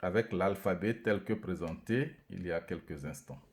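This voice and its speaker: A man giving a lecture on a new alphabet, speaking slowly and deliberately and repeating syllables to demonstrate their sounds and tones. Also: low-pitched. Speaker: language teacher presenting an alphabet. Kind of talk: lecture with slow syllable-by-syllable reading drills.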